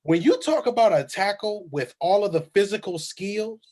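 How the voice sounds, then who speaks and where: A man's voice: high voice, expressive, moderate pace, a little mellow. A man on a sports talk panel, confidently breaking down draft picks.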